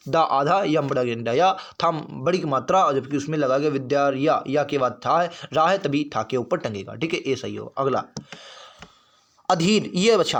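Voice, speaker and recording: A man's voice: on the high side, fairly bright tone. A man teaching an exam-prep spelling lesson, repeating each word several times as he drills the answers.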